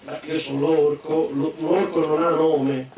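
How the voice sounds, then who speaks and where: A man's voice: on the high side, flat delivery, measured pace, a little mellow, a little hiss or hum. A man voicing a big, clumsy, weepy male ogre who is always hungry, whiny and blustering, at a bookshop reading. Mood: bewildered. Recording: echoey room from a distant mic.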